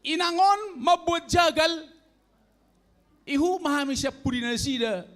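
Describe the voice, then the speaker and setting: A man in his sixties with a Toba Batak accent, telling a comic story in a slow, drawn-out way to an audience of elders. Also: very high-pitched, a bit bright. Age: 60s. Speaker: elderly stand-up contestant. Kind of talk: stand-up comedy storytelling.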